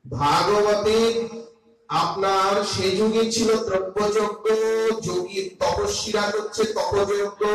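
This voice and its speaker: An older man giving a Vaishnava sermon on scripture, slow and emphatic, dropping from loud to soft, sometimes chanting Sanskrit verses. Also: sits high. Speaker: Vaishnava preacher. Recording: echoey hall, voice from a distance, faint hum.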